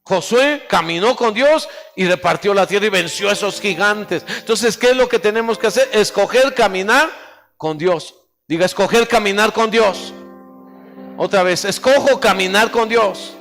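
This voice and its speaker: A man preaching a sermon in a high voice, leading the congregation in call-and-response. His words ring out through a large church hall with a long echo. Soft instrumental music plays faintly underneath. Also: moderate pace. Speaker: pastor.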